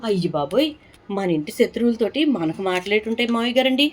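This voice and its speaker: A woman's voice: medium pitch, expressive, fast, close to an everyday voice. A woman voicing a scheming young daughter-in-law who pleads and protests her innocence in a retold serial. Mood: pleading.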